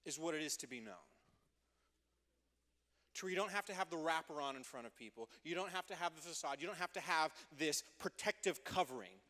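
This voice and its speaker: A man preaching a youth group sermon as youth pastor, playful and energetic, joking with the teens before turning earnest. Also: on the high side. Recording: long hall reverb.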